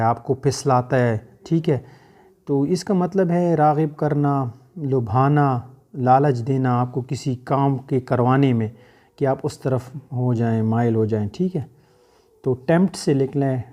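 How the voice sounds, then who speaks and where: A man's voice: mid-range voice, dark tone. A man teaching an English grammar lesson, explaining step by step and often checking in with his students. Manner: explains slowly, often checks with "theek hai". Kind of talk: classroom lesson.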